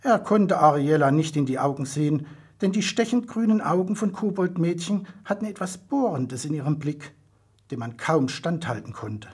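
A man reading a children's story aloud as narrator, with expressive storytelling. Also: a little high, moderate pace, husky. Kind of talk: audiobook reading.

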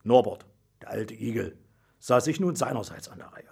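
Male storyteller, children's story, sing-song, husky, raspy. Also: mid-range voice, moderate pace. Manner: lively, sing-song reading.

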